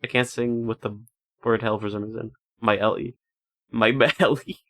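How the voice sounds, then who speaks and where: A man's voice: mid-range voice, steady tone, normal speed, a bit bright. Goofy man commentating a game, music behind. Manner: goofy, rambling. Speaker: gaming video host.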